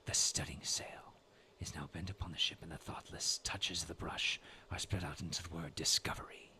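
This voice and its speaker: A man's voice: deep voice, fairly even intonation, normal speed, pushed and bright. Whispering young man reading old prose. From New England. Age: 20s. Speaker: storyteller. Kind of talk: whispered role-play.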